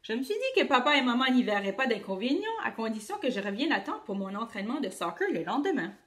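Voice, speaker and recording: A teacher reading a picture book aloud to children, expressive and addressing the young listeners directly. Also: female voice, fairly high pitch, fast, roomy sound. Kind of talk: children's storytelling read-aloud.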